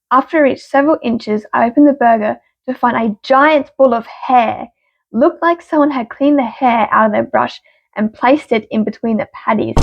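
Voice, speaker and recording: Narrating a story, a woman uses a raised, crackly fry and an expressive style dotted with sharp little asides. Her recording is a touch high in pitch, dry and close-miked, somewhat muffled, and free of reverb.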